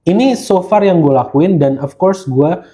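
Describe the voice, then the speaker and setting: An Indonesian gemologist who hosts live streams joins a casual podcast as a guest, speaking slangily and dropping English phrases into his talk. His voice is on the high side and mellow, a little slow, with lively intonation.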